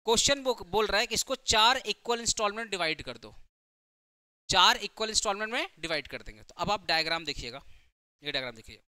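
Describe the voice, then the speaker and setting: Male accountancy tutor, high bright voice, repeats and quizzes the class. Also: expressive, a little fast, smooth, no room sound. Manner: repeats points, asks the class questions. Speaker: accountancy teacher. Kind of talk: recorded lecture.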